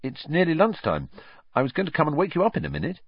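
A man doing a sharp, hot-headed schoolboy. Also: a little high, wildly swooping pitch, fast talker, slightly rough, dry recording, highs cut off, pitched above the performer's own voice, full character voice. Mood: urgent. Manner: sharp, raised and heated. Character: blunt, tense teenage schoolboy.

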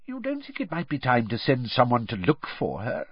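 A kindly middle-aged father from a wizard storybook, voiced by a man. He speaks gently and tentatively, with a husky grain and a pitch that moves around a good deal. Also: wildly swooping pitch, measured pace, no room sound, muffled recording, exaggerated voice. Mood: tentative, uneasy.

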